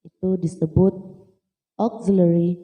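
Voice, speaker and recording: A woman's voice: lowish voice, flat delivery, measured pace, in a large hall. A woman teaching grammar in a casual, patient way, repeating points and checking that listeners follow. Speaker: English teacher. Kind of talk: casual lesson explaining grammar.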